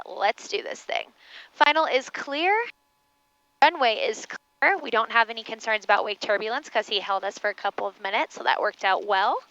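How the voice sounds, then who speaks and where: A woman pilot speaks into her cockpit headset as she works through her checklist. Her callouts are calm and methodical, and her voice is bright, crisp and a little high. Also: no room sound, dull audio. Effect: pilot speaking on a cockpit headset mic. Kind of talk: talking through preflight checks and radio calls. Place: small twin-engine airplane cockpit. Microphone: aviation headset.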